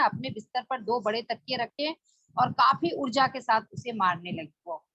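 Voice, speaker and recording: Husky woman teaching a book study. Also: on the high side, a bit bright, no room sound. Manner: explains plainly, rhetorical questions. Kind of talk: spoken book study talk. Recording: dull lo-fi dry recording.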